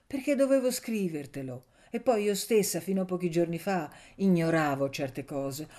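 A proud young rich woman speaks in a brisk, firm way, as a woman reader voices her. Her voice sits low and mellow. The scene is from an audiobook. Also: expressive, lightly acted. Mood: worried. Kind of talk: audiobook reading.

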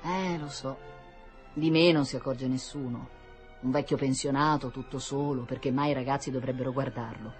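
A woman voicing a kindly, lonely retired old man on a bench, speaking gently and modestly. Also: rumbling low, fairly even intonation, normal speed, music in the background. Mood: gentle. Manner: gentle, self-deprecating.

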